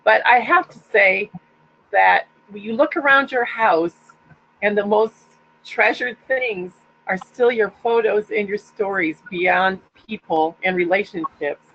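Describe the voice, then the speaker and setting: A woman's voice: mid-range voice, measured pace. An older woman sharing an emotional message with her team, tender and pleading. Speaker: guest speaker on a team call. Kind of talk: heartfelt personal sharing. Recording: dull lo-fi line with faint hum.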